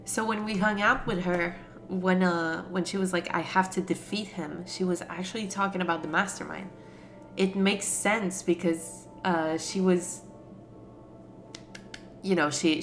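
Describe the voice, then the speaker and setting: A woman's voice: lowish voice, fairly bright tone. A woman giving casual, rambling gameplay commentary as she plays. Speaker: gamer reading a game aloud.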